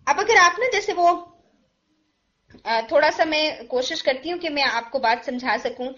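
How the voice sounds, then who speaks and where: A woman's voice: high-pitched, fairly bright tone, lo-fi sound. A woman, a teacher who patiently explains letter sounds step by step and uses everyday comparisons. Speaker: Quran recitation teacher. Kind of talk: pronunciation lesson.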